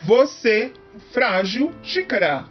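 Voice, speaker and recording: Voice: mid-range voice, sing-song, takes it slowly, dull audio, soft background music. A performer voicing Tom, a cheerful cartoon helper who repeats the choices, thinks aloud and calls out the answer. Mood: eager.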